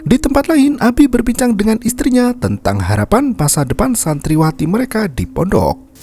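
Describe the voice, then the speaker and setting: A man narrating a film recap in a dark, mellow voice that swings widely in pitch. His delivery is scripted and dramatic, and faint background noise sits under the voice. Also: huge pitch swings, normal speed.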